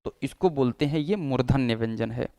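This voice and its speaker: A male teacher giving a lecture. His voice is smooth and resonant, close to the mic. The recording is dry, with no room echo. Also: medium pitch, brisk, dark tone. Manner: explanatory, demonstrates sounds aloud. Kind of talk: classroom lecture.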